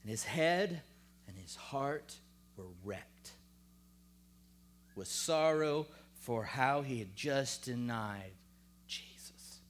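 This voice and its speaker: A man preaching a sermon, emphatic and rhetorical, calling on the congregation, then lowering to a hushed voice when reading scripture. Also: animated, extremely slow, long pauses. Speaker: pastor.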